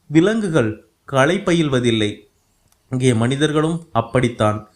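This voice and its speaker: A man voicing a sensitive, poetic young man who speaks in a lofty, declamatory way, read in an audiobook. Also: fairly high pitch.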